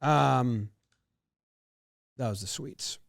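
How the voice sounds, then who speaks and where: A podcast co-host rambles casually about sports, second-guessing himself and acting out what he thought. His mid-range voice is creaky and very slow. The recording is dry and clean, with studio sound.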